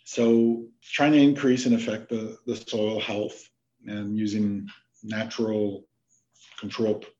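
A man from Canada, a researcher guest on a podcast interview, who explains his work in a halting way with many fillers and restarts. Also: lowish voice, little pitch movement, darkish tone, lo-fi sound. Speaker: plant disease researcher, guest.

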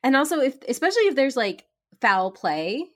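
Chatty woman, animated and casual. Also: high voice, normal speed. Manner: chatty, animated, frequent "like" fillers. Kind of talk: casual chat.

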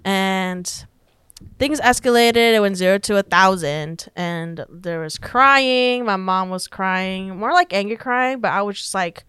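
A woman's voice: medium pitch, a little slow, a bit bright, clear, resonant tone, dry recording. A young woman, a podcast guest telling a personal story in a chatty way, full of "like" and quoted dialogue. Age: young adult. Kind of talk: casual storytelling.

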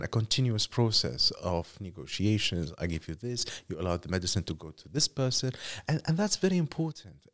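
A middle-aged man from Iraq, a journalist guest, answering in measured, reflective sentences that list examples and sometimes restart. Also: medium pitch.

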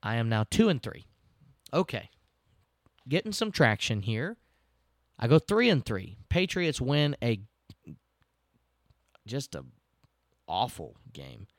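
A man's voice: mid-range voice, sing-song, takes it slowly, pauses often, dry recording, clean studio sound. A man, hosting a casual sports podcast, recapping games in a chatty, self-deprecating way and laughing now and then.

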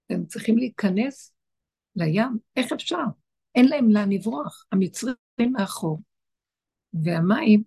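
Very husky woman, impassioned teacher. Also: mid-range voice, dark tone. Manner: impassioned, repetitive phrasing. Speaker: spiritual teacher. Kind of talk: Torah teaching to an online group.

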